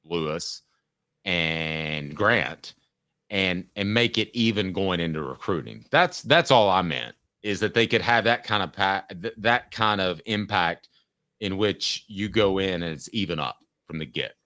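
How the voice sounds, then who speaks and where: A man hosting a sports talk show, chatting casually and thinking aloud in a measured way. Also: sits low, animated, pushed and bright, no room sound, studio quality.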